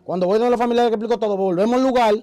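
Man, high voice, rapid speech, animated storytelling, faint music behind. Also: no room sound, rough recording. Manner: animated, acts out quoted voices. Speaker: interview guest. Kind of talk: casual storytelling.

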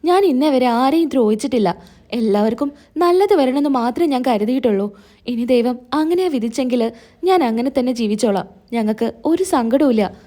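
Young wife read by a woman, gentle, pleading, wounded, high voice, mellow tone. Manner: pleading, soft, hurt.

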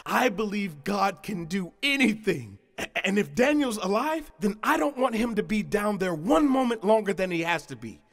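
A man's voice: high-pitched, expressive, normal speed, fairly bright tone, soft background music, full character voice. An actor playing a fervent king on stage, with emphatic, declamatory delivery. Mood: hopeful, urging. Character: fervent king newly convinced of Daniel's God. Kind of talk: projected stage drama acting. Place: theatre stage.

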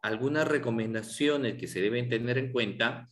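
A man's voice: mid-range voice, normal speed. A man giving a lecture to lawyers, asking rhetorical questions and adding tag questions. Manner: asks the audience rhetorical questions, with frequent tag questions. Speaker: law lecturer.

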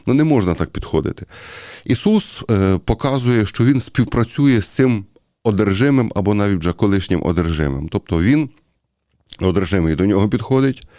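Man, Ukrainian accent, very low voice, dry recording, conversational sermon, hesitant fillers. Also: darkish tone, dry recording. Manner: speaks directly to the audience. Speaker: priest. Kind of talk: sermon-style Bible commentary.

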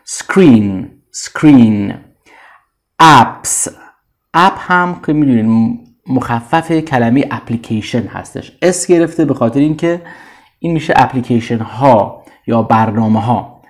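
A Persian-speaking man teaching English vocabulary in an even, middle-pitched voice. He pronounces each word slowly and repeats it for the learners, then explains it at a calmer pace. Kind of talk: slow vocabulary drill with repetition.

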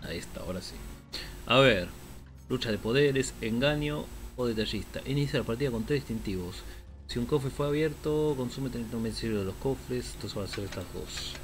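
An excitable man with an Argentine accent chats his way through a live game stream, his pitch swinging widely as he reacts. He swears playfully and repeats himself in quick bursts. Game music plays clearly behind him. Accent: Argentine Spanish. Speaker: gaming streamer. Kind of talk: casual live gameplay chat.

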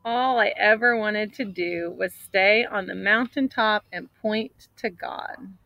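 A woman's voice: mid-range voice, slow, vocal fry, no room sound, dull audio. A woman voicing a devout young female tree in a storybook, earnest and yearning. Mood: confused, wistful.

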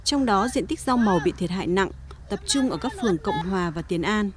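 News voice-over: female, mid-pitched, steady and formal. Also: a little fast. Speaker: news narrator.

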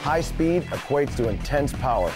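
A man's voice: medium pitch, animated, moderate pace, music in the background, natural voice. A man reading a bold commercial voice-over with a punchy, emphatic delivery. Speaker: ad announcer.

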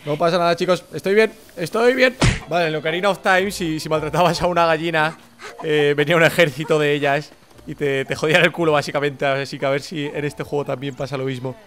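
A young man with a Spanish accent from Spain, giving jokey, excitable gameplay commentary. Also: fairly high pitch, fast talker, music in the background. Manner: excitable, shouting and laughing, jokey. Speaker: gaming YouTuber.

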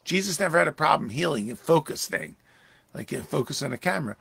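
A man pastor teaching a Bible study in a conversational, animated way, raising his voice when acting out quoted lines. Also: a little high, fast talker, creaky, husky, no echo.

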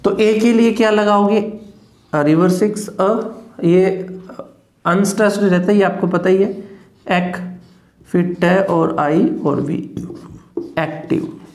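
A man who speaks as his teaches English phonetics, going very slowly and saying each word several times over. He often stops to ask whether the class follows. His voice carries the echo of a hard-walled room. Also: high-pitched, a little mellow. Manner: slow, repeats each word several times and checks with "clear?". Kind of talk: phonetics lesson. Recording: echoey room.

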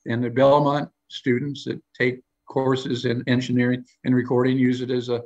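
A man's voice: mid-range voice, completely flat delivery, moderate pace, a little mellow, muffled recording. Older man telling rambling studio stories. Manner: rambling anecdotal storytelling with many restarts; acts out quoted lines in a raised voice. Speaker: guest storyteller on a live show. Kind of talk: casual live interview chat.

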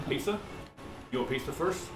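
A man's voice: fairly high pitch, lively intonation, normal speed, a bit bright, soft background music. A man chatting casually as co-host of a video game let's play. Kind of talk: casual gaming chat.

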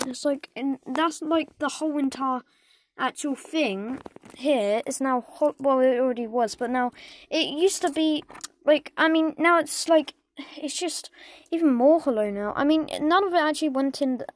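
A woman with a notably high voice hosts a casual home vlog, speaking into a handheld phone. She stumbles through plenty of fillers and restarts, sounding amazed. Faint noise sits behind her voice. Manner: hesitant, many fillers, amazed. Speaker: hobby channel host. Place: indoor room at home. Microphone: handheld phone camera.

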